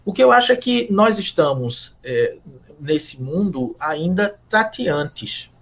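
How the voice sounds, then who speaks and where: A man from Brazil, a history professor being interviewed, talking in a reflective, lecturing way with rhetorical questions and many check-in tags. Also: a little high. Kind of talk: academic interview talk.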